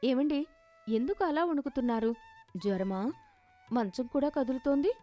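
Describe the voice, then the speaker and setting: A woman voicing a bold village wife in an animated story who needles her husband. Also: sits high, moderate pace, soft background music, close to an everyday voice. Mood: mocking. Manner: mocking and needling.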